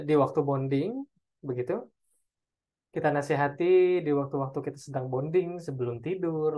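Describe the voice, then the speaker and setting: In an online webinar Q&A, a man talks about parenting and answers audience questions. His mid-range, darkish voice stays loose and conversational, and he keeps checking in with listeners, tagging phrases with "ya" and "oke."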